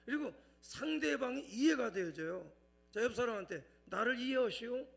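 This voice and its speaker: A middle-aged man preaching a sermon in a high, gravelly voice. He works his congregation with calls for amen and hallelujah. He drops into a chatty storytelling tone to spin a humorous tale. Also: expressive, moderate pace, soft background music. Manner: tells a humorous anecdote in a lowered, chatty tone. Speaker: pastor.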